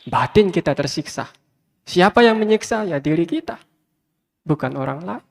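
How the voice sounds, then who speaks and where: Man, Buddhist monk, emphatic repetitive sermon, slightly high voice, long hall reverb. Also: expressive, moderate pace, creaky. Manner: repetitive emphatic preaching, addresses listeners directly. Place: large hall with many fans.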